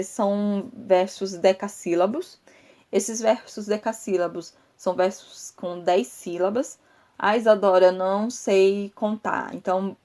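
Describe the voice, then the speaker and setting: A woman host teaching a podcast lesson on poetry. She explains step by step, drawing out sounds and syllables and turning to listeners with little asides. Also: mid-range voice. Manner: explanatory, addresses listeners directly with asides like "tá, gente?"; spells out rhymes and syllables slowly.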